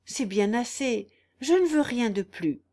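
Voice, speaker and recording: A woman reading aloud, voicing a gentle, candid young peasant girl in mourning, with an earnest manner. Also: fairly high pitch, lively intonation, unhurried.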